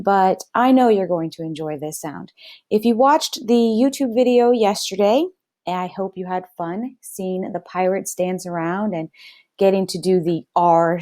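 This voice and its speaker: Slow, encouraging woman teacher. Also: lowish voice, a little mellow. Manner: slow, clear and encouraging, stretching sounds for children to repeat. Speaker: first grade teacher. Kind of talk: slow, warm classroom phonics lesson.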